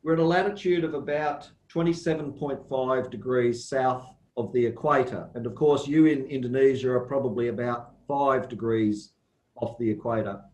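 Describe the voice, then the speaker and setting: A man with an Australian accent giving a slow, measured guest lecture over a video call, pausing often with ums. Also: mid-range voice, fairly even intonation, darkish tone, reverberant, poor audio. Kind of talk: online academic lecture.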